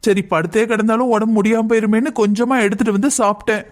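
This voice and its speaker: Male actor as aggrieved young cartoon daughter-in-law; high, complaining, easily offended. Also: fairly even intonation, natural voice. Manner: complaining, quick to take offence. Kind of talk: cartoon voice acting.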